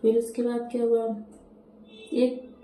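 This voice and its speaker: A woman's voice: on the high side, monotone, slow pace, dark tone, slight background noise. A woman vlogger telling a story in a casual, chatty way, repeating herself and acting out what others said. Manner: chatty, repetitive, acts out the driver's lines. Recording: echoey room.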